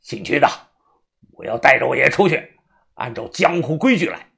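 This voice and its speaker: A man voicing a fierce, hot-headed middle-aged man with a raspy voice. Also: mid-range voice, lively intonation, moderate pace, a bit bright.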